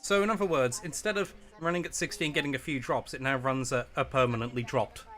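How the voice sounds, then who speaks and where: A man with a bright, forceful voice riffs sarcastically with a friend during a game session, cursing in casual banter. His pitch is mid-range for a man. Faint music sits underneath. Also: fast talker. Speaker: co-host of a gaming playthrough. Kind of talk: casual chat while playing a video game.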